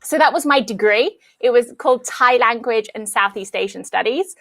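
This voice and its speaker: Woman, from England, 30s, English teacher, giggly, enthusiastic, high voice, unhurried. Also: fairly bright tone. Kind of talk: casual interview chat.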